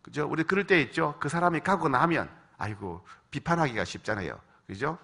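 Guy preaching a sermon, super lively pitch, keeps asking the crowd stuff. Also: a little fast, creaky. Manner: animated preaching, acts out quotes, asks congregation questions. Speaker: pastor.

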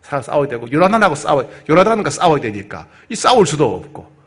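Animated male pastor teaching scripture. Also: a little high, a little fast. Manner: animated, asks the congregation questions. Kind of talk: Bible study sermon.

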